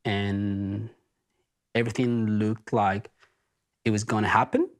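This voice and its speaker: A man's voice: lowish voice, steady tone, slow. A man from Argentina with an Argentine accent, hosting a podcast and telling his story in an earnest, reflective way. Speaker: podcast host. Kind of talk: casual spoken introduction.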